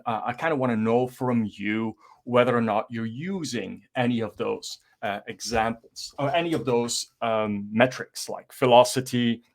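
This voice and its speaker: Chatty Belgian man giving a talk. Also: medium pitch. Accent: Flemish Belgian. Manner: chatty, enthusiastic, many filler words. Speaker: conference speaker. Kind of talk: online conference presentation. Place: presenting remotely from home city.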